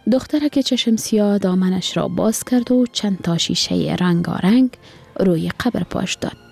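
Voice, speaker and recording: A woman with an Afghan Dari accent reading a short story aloud for radio in a soft, low-key manner. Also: gravelly, breathy edge, soft background music. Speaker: story reader. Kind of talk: scripted story narration for radio.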